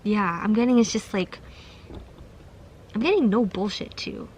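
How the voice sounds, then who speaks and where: A woman's voice: medium pitch, animated, a little slow, darkish tone, a little hiss or hum. A young woman giving a casual pick-a-card tarot reading, chatty and giggly, with many fillers and restarts. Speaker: tarot reader.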